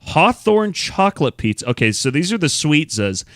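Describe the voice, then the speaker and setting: A man's voice: on the high side, sing-song, normal speed, a crowd in the background. A young American man commenting casually on a live stream, rambling with lots of fillers, wry and blunt.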